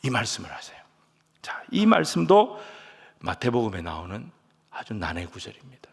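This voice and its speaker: Korean pastor preaching in a reverberant hall. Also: male voice, on the low side, wildly swooping pitch, moderate pace, vocal fry, slightly rough. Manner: emphatic preaching, swings from soft near-whispers to loud stressed lines; leads the congregation in reading scripture aloud. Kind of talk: sermon. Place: large church sanctuary. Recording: long church hall reverb.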